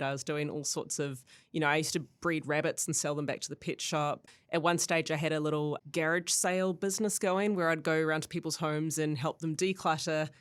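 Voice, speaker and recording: A woman from Auckland with a New Zealand accent, a podcast guest telling her story in a candid, animated way. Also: low voice, no echo. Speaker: guest, company co-founder. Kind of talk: podcast interview.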